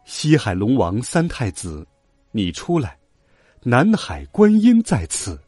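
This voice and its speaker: A man voicing a stern but motherly female bodhisattva in a children's story, speaking slowly and softly. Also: mid-range voice, huge pitch swings, breathy edge, dry recording, studio quality, soft background music, pitched below the performer's own voice, heavily acted. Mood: stern gentle. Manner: slow, soft, lecturing.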